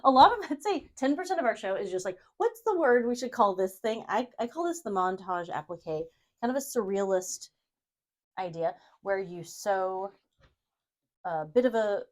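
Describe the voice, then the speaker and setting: Woman crafting host, casual, rambling, self-deprecating, mid-pitched voice. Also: lively intonation, moderate pace. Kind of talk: casual brainstorming chat while sewing.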